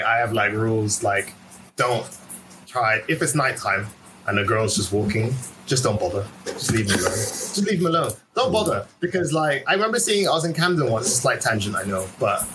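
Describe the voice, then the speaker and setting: A young man, telling stories in a casual chat among friends and saying "like" constantly. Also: medium pitch. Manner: animated storyteller, heavy use of "like". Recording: noisy recording with clicks.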